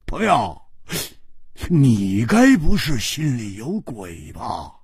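A loud, mocking young swordsman who shouts and swings his voice high and wide, put on by a male storyteller. He is quick to anger and taunts without pause. The voice is husky and dry. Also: very animated, dry recording, heavily acted. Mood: taunting. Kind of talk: traditional Chinese storytelling.

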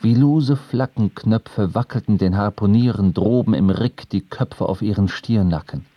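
A man narrating a radio play as a solemn sailor, the lone survivor, in a measured storytelling manner. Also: on the low side, dry recording, highs cut off.

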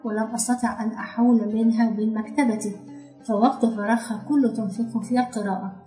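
Proud, firm middle-aged husband read by a woman; mellow voice, faint music under a roomy echo. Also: high-pitched, little pitch movement, fast talker, natural voice. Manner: firm, self-assured.

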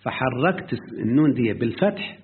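A man's voice: medium pitch, expressive, breathy edge. A man with an Egyptian Arabic accent teaching a grammar lesson, often quizzing his student as he explains. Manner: questioning the student often, drawn-out quoting. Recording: tinny lo-fi phone-like line.

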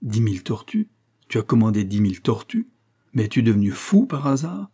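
A man's voice: on the low side, big pitch swings, fairly quick, warm tone, husky. A man doing a mocking young engineer. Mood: incredulous. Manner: teasing and scolding. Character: young male engineer, mocking and level-headed.

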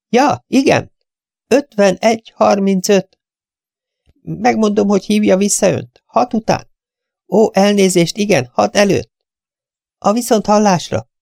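A flustered young receptionist in an audiobook reading, her voice pitched high and bouncing as she fumbles through a phone call, as a man puts her on. The sound has a creaky edge and is dry and close. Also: darkish tone, no echo. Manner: scatterbrained, muddles numbers on the phone. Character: flustered young female estate agency receptionist.

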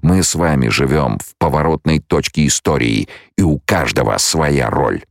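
In a heavily acted turn, a man reads as a resolute blind prophet-leader, keeping a calm, commanding, slow, measured delivery. His voice remains very low and gravelly, sounding dry and close without any room sound.

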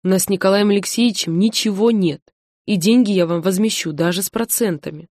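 A woman's voice: mid-range voice, brisk, a little mellow, dry recording, studio quality, lightly acted. A woman reading an audiobook voices a young mother pleading earnestly on the phone.

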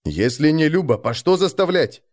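A man's voice: a little high, very animated, moderate pace, darkish tone, voice pushed up. A man reading a blunt, stern shaman. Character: blunt, irritable wandering shaman.

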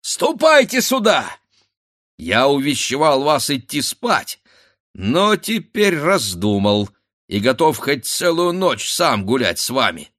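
A man's voice: mid-range voice, big pitch swings, takes it slowly, a bit bright, dry recording, studio quality, voice pushed up. A man voicing a bold, mocking young Cossack lad who rallies his friends. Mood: rousing.

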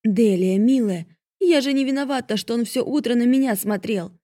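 A woman's voice: medium pitch, moderate pace, warm tone, dry recording, studio quality, pitched above the performer's own voice, lightly acted. A woman voicing a timid young stepdaughter who pleads meekly. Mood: pleading. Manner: pleading, meek.

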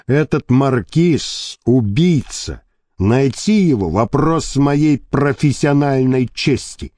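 A man reading an audiobook, voicing a blustering militia captain who speaks slowly and bluntly. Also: mid-range voice, lively intonation, warm tone, no echo. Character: brash, swaggering militia captain, male.

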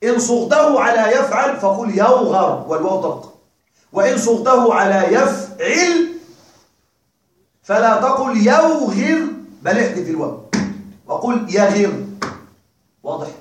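A male teacher giving a classroom grammar lecture, repeating and drilling examples slowly and quizzing his students. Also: high-pitched, expressive. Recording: very echoey room, mic far off.

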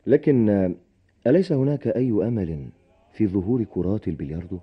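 An actor with an Egyptian accent playing a bitter, desperate young husband in a radio drama, at times shouting in rage. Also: male voice, lowish voice, lively intonation, fast, slightly rough. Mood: consoling. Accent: Egyptian Arabic. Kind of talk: 1990s radio drama acting. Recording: dull lo-fi radio recording.

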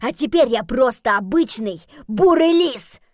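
Sulky storybook fox, male, loud and whiny, played by a woman reader. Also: a little high, lively intonation, measured pace, no echo, studio quality, voice pushed up. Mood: indignant. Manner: whiny, indignant outbursts.

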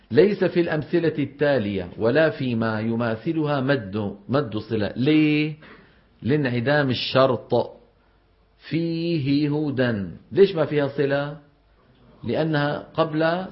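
A man teaching recitation rules to a class, questioning his students and reciting examples slowly. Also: medium pitch. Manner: explains with frequent questions to the class. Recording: dull lo-fi recording.

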